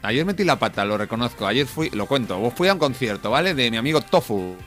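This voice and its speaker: A man, speaking into a studio mic as a radio co-host. He tells a story and acts out the voices in it, shifting his tone with each bit. His pitch is medium and faint music plays underneath. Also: sing-song, a little fast, a bit bright. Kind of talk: casual radio banter, telling an anecdote. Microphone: studio microphone.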